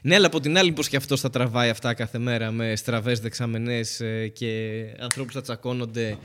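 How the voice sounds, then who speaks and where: A man co-hosting a casual podcast chat, chiming in with short comments and jokes. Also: medium pitch. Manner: relaxed listener who chimes in with short comments and jokes. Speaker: podcast co-host.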